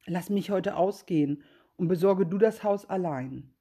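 A woman's voice: lowish voice, unhurried, dark tone, husky. A woman doing a sly, coaxing greedy cat. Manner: sweet-talking, coaxing, then curt. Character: sly greedy female cat, smooth talker.

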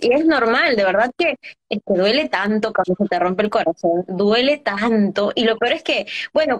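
A woman coach, a guest in an interview, giving gentle, encouraging advice on heartbreak straight to the listeners. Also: on the high side.

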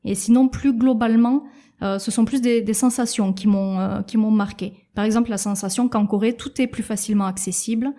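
A woman in her thirties chatting on a podcast she co-hosts. Her voice sits a touch high but sounds mellow and warm. She explains things in a measured way, pausing now and then with small hesitations. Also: fairly even intonation. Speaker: podcast co-host. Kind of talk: casual podcast chat.

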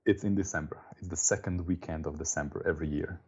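A man's voice: low-pitched, steady tone, quick pace, a little mellow, husky, highs cut off. A middle-aged man from Slovenia with a Slovenian accent, chatting casually as an interview guest. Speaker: interview guest, software developer.

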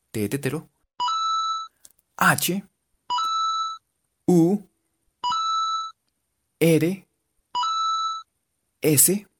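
A young man teaching English pronunciation in a casual video lesson, joking and drilling words slowly. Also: mid-range voice.

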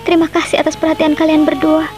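A woman plays a lonely young girl in a radio play, her high voice plaintive and close to tears. Music runs behind her. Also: completely flat delivery, quick pace, darkish tone, natural voice. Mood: sad. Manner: tearful, plaintive. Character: sorrowful young girl, robber's daughter, lonely. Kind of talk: radio drama acting.

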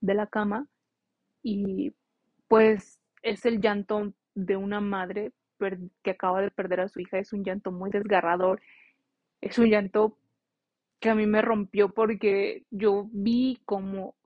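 A woman's voice: mid-range voice, level tone, takes it slowly, dry recording. Young adult woman nurse, earnest heartfelt storyteller coaching students; slightly muffled, dry recording. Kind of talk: casual spoken monologue to nursing students.

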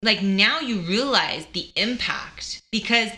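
Bright-voiced young woman telling her story. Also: mid-range voice, slow pace. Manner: animated, acts out quoted voices. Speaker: guest sharing her cancer story. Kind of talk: casual storytelling chat.

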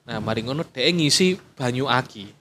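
A man's voice: medium pitch, lively intonation, moderate pace, a bit bright, slight background noise. A man with an East Javanese accent in casual chat, explaining things between jokes and laughter. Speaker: battery factory worker.

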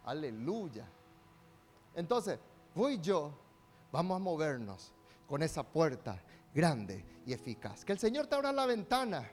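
A man preaching a sermon as pastor, calling out to the congregation for responses and swinging between soft asides and loud exhortation. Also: a little high, huge pitch swings, a little slow.

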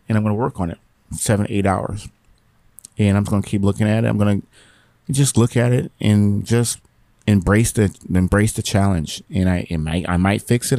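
A man's voice: on the low side, vocal fry, warm tone, no echo. A middle-aged man hosting a podcast, giving rambling, encouraging motivational talk and repeating his phrases. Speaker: podcast host.

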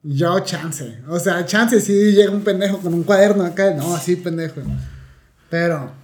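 High-voiced Mexican man hosting a podcast. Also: moderate pace, echoey room. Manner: joking, slangy, tells anecdotes with acted quotes. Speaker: podcast host. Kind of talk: casual podcast chat.

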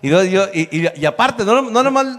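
A man's voice: high voice, expressive, fairly quick, fairly bright tone, in a large hall. A man in his sixties from northern Mexico, with a northern Mexican accent, telling a crude, profane stand-up story and laughing through the punchlines. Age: 60s. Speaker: comedian.

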